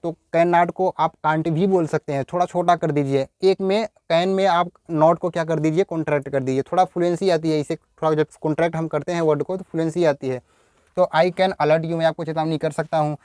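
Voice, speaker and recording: A man teaching English grammar to Hindi-speaking students, with a smooth, clear voice pitched a little high. He keeps asking rhetorical questions and repeats each word several times. The recording is dry and close. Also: steady tone, moderate pace, a little mellow, no echo. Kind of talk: Hindi-language grammar lesson.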